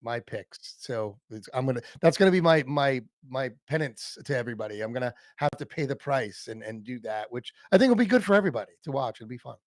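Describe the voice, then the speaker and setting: A man's voice: medium pitch, lively intonation, quick pace, hardly any pauses, no echo. Rambling man on a dry mic. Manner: rambling, self-interrupting, laughs often. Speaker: podcast co-host. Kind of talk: casual fan banter about a TV episode.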